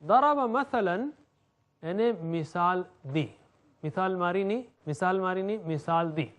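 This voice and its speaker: A man teaching Quranic Arabic grammar, drilling verb forms in a rhythmic chant and explaining in between. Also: high voice.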